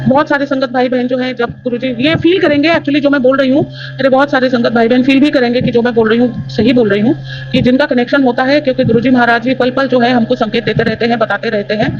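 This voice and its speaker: A woman earnestly telling a personal devotional story to fellow followers, rambling with fillers and restarts. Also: sits high. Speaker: devotee sharing a testimony. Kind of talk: casual spoken testimony. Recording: dull lo-fi audio.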